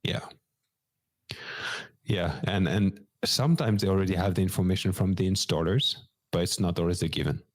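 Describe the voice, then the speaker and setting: A man's voice: low-pitched, moderate pace, long pauses, no room sound. A man with a French accent co-hosting a podcast, methodically explaining practical steps in a casual technical chat. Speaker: podcast co-host.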